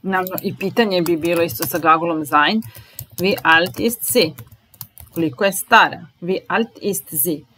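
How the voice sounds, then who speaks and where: A woman teaching a language lesson, slowly repeating each phrase and then explaining it. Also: lowish voice, sharp tone, a little hiss or hum, poor audio. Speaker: German teacher.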